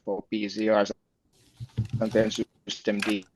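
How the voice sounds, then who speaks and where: A man's voice: fairly low pitch, monotone, darkish tone, slight background noise. Man on choppy, glitchy call audio. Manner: halting, repeats words while thinking. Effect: choppy, glitchy call audio breaking up. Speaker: meeting participant. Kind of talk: technical discussion on a video call. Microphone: video call. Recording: dull lo-fi video call audio.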